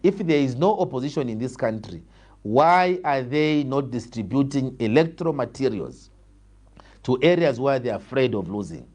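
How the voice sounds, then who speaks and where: As a guest, a man with a Zambian accent who belongs to an opposition party argues his political positions emphatically, driving points home through repetition. His voice is medium-pitched and darkish, animated, at a moderate pace.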